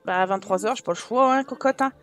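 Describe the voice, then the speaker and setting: A woman's voice: on the high side, a little fast, soft background music. A woman hosting a casual let's play, chatting, reading game text aloud and joking to herself.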